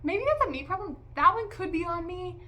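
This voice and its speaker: High-voiced young woman ranting casually. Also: animated, fairly quick, bright, forceful tone. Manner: chatty, exasperated, heavy use of "like" and "okay?". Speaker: vlogger reviewing a movie. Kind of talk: casual opinionated review.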